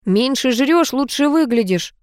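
A woman's voice: sits high, animated, a little slow, clean tone, no echo, clean studio sound, voice pushed up. A woman doing a brash, bossy blunt woman. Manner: blunt, demanding.

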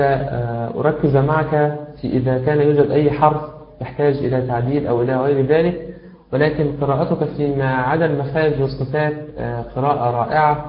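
A male recitation teacher speaks patiently, pausing often as he corrects a student. His voice sits in a middle register. The sound is roomy and echoing, with a dull, lo-fi tone. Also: medium pitch. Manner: patient and encouraging, many drawn-out hesitations. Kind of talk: instructional feedback on recitation.

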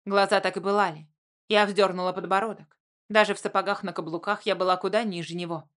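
Woman, audiobook narrator, first-person novel, even storytelling, middle pitch. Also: quick pace.

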